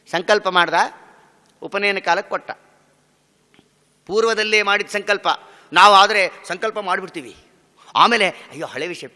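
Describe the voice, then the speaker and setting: A swami gives a devotional discourse in a very bright, high voice. He tells the story by asking questions and answering them himself, and sometimes breaks into song. His voice is smooth and resonant, with a long reverb from the hall. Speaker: swami giving a religious discourse. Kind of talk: devotional discourse with sung verses.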